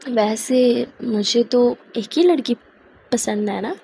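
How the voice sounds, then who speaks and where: A woman voicing a doting young woman who sweet-talks and calms her partner. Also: a little high, takes it slowly, vocal fry, a little hiss or hum. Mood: soothing. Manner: soothing, sweet-talking. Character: doting young woman, calm soothing lover.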